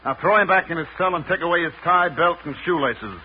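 An actor playing a hard, blunt homicide sergeant who accuses and gives orders in an old-time radio crime drama. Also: male voice, a little high, fairly quick, natural voice. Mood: scornful, commanding. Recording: dull, noisy old radio recording.

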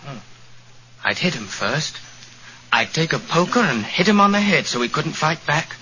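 A man's voice: on the high side, big pitch swings, normal speed, bright, forceful tone, a little hiss or hum, exaggerated voice. A childlike, simple-minded young man. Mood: eerily calm. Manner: pleading, naive. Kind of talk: old-time radio drama acting. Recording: dull lo-fi old radio recording.

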